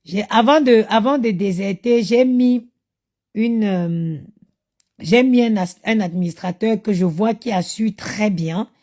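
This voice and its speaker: Woman, tired, chatty phone live stream, mid pitch, addresses viewers directly. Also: unhurried, warm tone. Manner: chatty, talks straight to her viewers. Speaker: mother doing a live stream. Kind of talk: casual live-stream chat.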